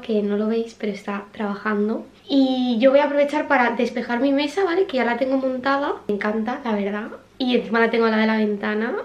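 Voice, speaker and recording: Young woman, home vlog, chatty, filler-heavy, slightly high voice, echoey room. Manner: chatty, lots of fillers, talks straight to viewers. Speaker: vlogger. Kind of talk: casual vlog chat to camera. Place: small bright room at home, indoors.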